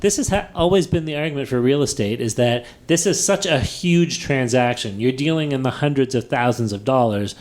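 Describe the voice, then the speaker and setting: A man's voice: medium pitch, a little fast, hardly any pauses, a little mellow. Man hosting a chatty podcast. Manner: thinks aloud with many fillers and restarts; laughs easily. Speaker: podcast host. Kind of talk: casual conversational chat.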